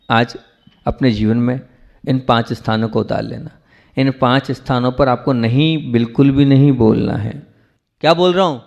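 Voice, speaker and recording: Man preaching a dramatic storytelling sermon. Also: medium pitch. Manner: dramatic, repeats phrases for emphasis and swings from hushed to loud. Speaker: Jain monk preacher.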